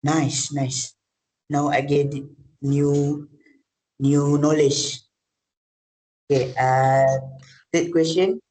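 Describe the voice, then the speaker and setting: A man's voice: fairly high pitch, little pitch movement, drawn-out words, long pauses, darkish tone, poor audio. A man asking interview questions in English, hesitant, often repeating and correcting his words.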